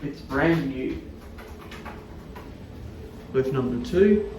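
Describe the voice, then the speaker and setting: A man's voice: mid-range voice, animated, extremely slow. A man giving a casual narrated tour in short, simple observational remarks. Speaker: lift enthusiast filming and commenting. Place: train station and inside lifts. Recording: noisy handheld recording with station and lift noise.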